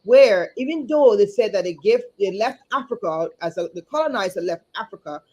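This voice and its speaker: A woman from Liberia, speaking earnestly as a guest over a video call, often repeating words and pausing on fillers. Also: mid-range voice, lively intonation, darkish tone. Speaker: guest, community advocate and chapter chair. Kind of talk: livestream interview.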